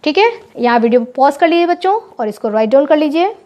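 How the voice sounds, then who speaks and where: Woman teacher, high voice, patient lesson delivery; dull lo-fi recording. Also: animated, darkish tone. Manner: explains in Hindi, says English phrases slowly and clearly. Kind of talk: spoken English lesson for children.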